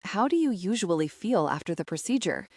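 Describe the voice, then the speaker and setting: A woman's voice: mid-range voice, sing-song, fairly quick, darkish tone, dry recording, clean studio sound. A woman voicing a captive male ex-cop who speaks in terse, clipped lines, as an audiobook character. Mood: urgent.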